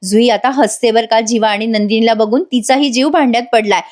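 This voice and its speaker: A woman's voice: a little high, fairly even intonation, a little fast, darkish tone. Chatty woman recapping a serial. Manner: chatty, addresses viewers directly. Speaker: TV serial reviewer. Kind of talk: voice-over episode recap.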